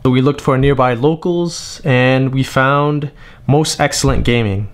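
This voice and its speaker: A young man from New England gives a frustrated monologue, complaining at length and then reading out a list of cards in a flat voice. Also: medium pitch, measured pace. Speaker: card game vlogger. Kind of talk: monologue rant and tournament report.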